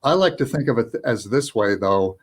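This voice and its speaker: A man's voice: mid-range voice, lively intonation, a little fast, slightly rough. A man co-hosting a nonprofit's virtual fundraiser, explaining a donation match in an upbeat way and often repeating words. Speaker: nonprofit co-host. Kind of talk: live virtual fundraiser appeal.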